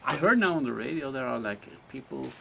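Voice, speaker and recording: Gravelly-voiced man, halting co-host chat. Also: medium pitch, expressive, noisy background. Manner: halting, searches for words, breaks off mid-sentence. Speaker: podcast co-host. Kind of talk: casual chat.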